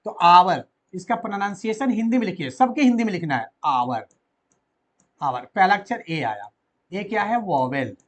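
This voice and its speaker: A man's voice: sits high, very animated, normal speed. A man teaching a grammar lesson to children, asking them questions and answering them himself.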